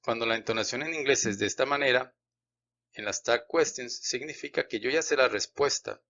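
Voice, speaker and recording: Man, grammar lesson, methodical, bright tone, slightly dull recording. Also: mid-range voice, moderate pace. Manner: clear, methodical explanation with modelled English examples. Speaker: English teacher. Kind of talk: grammar lesson explaining examples.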